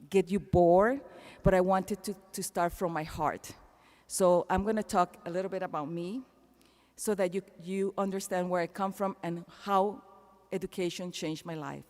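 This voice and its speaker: Her voice on the low side with a darkish tone, a Panamanian-accented woman delivers a personal commencement address. The amplified speech rings through a large indoor arena, leaving a long echo.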